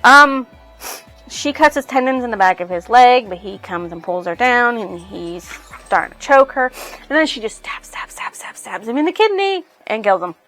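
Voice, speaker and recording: A woman's voice: on the high side, sing-song, moderate pace, fairly bright tone, soft background music. A woman reviewing a novel in casual chat, rambling with many fillers and swearing freely. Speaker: book reviewer.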